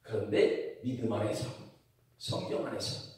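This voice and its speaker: A male pastor preaching a sermon in a church, asking the congregation questions and building to loud emphatic declarations. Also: lowish voice, normal speed, slight background noise. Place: church sanctuary. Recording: very echoey church hall, mic far off.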